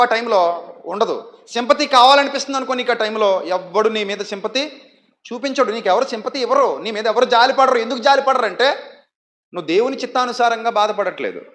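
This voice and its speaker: A man's voice: extremely high pitch, fairly bright tone. A man preaching a sermon, asking the congregation questions and acting out the people he quotes.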